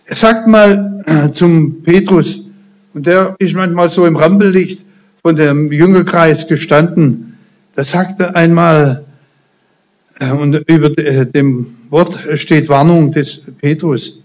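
A man preaching a sermon and praying aloud, halting, with many fillers and restarts, then rising to fervent emphasis, on a dull lo-fi recording. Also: on the high side, darkish tone.

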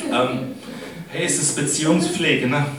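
Speaking a little slowly in a voice on the high side, a middle-aged man preaches an informal sermon, chatting with the congregation and repeatedly tossing in "ne?" to address them. He is recorded off-mic from a distance in an echoey hall, with a crowd audible in the background.

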